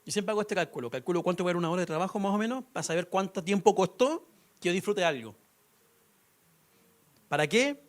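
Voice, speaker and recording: High-voiced pastor preaching. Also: male voice, expressive, fast talker, long pauses. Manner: conversational preaching with humor and rhetorical questions. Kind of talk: sermon.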